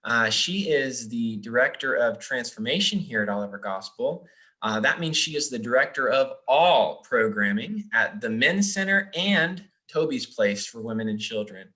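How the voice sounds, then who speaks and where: A man's voice: mid-range voice, animated, moderate pace, pushed and bright. A young man hosting a charity webinar, friendly and chatty, with many ums and uhs. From Japan. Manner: friendly, with frequent fillers. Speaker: webinar host, donor relations officer.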